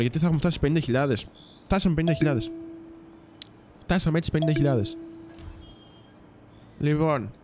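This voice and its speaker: Chatty gamer man, higher voice. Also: a little mellow, a little hiss or hum. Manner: chatty, teasing game characters. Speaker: gaming YouTuber. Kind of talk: casual let's-play commentary.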